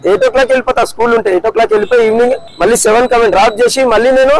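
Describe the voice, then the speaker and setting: A man's voice: very high-pitched, steady tone, very fast, low-quality recording. A man, a grieving father in an emotional street interview, talking in a repetitive, pleading way. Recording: crowd noise outdoors.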